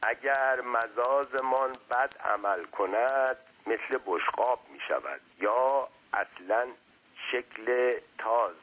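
A man's voice: mid-range voice, lively intonation, a bit bright, rough recording. A man voicing a small, talkative non-human servant who speaks deferentially and lectures at length. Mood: chatty.

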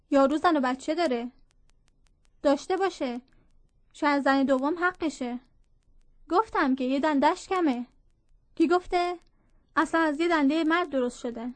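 A woman's voice: high-pitched, close to an everyday voice. A woman voicing a crowd of scornful, gossiping villagers who turn into a vengeful mob. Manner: scornful, jeering.

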